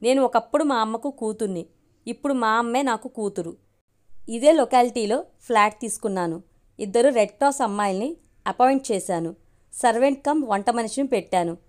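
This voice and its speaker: A woman's voice: on the high side, brisk, a little mellow, natural voice. A woman voicing a firm, dignified middle-aged wife and mother in a storybook reading, arguing in a reproachful way.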